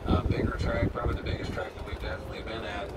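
A man co-commentating a race in a casual, excitable and slangy way, asking his partner questions. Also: fairly low pitch, very fast. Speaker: race announcer. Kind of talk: live race commentary over loudspeakers. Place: outdoor racetrack, heard from the grandstand. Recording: distant loudspeaker sound, loud outdoor noise with wind.

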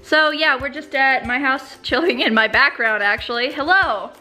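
A woman's voice: sits high, normal speed, pushed and bright, soft background music. A young woman from the United States chatting casually to camera in a vlog, giggly and full of fillers. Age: young adult. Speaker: vlogger.

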